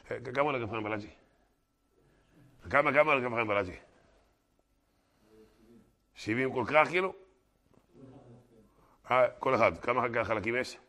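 A male rabbi giving an animated Torah lesson to a live audience, breaking into loud exclamations, then rallying donations in quick patter. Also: medium pitch. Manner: dramatic, bursts into loud exclamations; brisk auctioneer-like fundraising patter. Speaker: rabbi teaching a Torah class. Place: class hall with a live audience.

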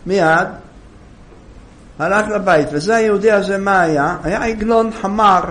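A man telling a moral story as a sermon, in an animated storytelling manner with a gravelly voice. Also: sits high, a little hiss or hum.

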